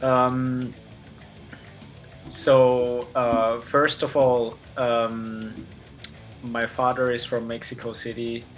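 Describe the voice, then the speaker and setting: A man's voice: medium pitch, little pitch movement, drawn-out words, long pauses, soft background music. A man, a guitarist giving casual interview answers over a video call, speaking hesitantly with many fillers. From Austria.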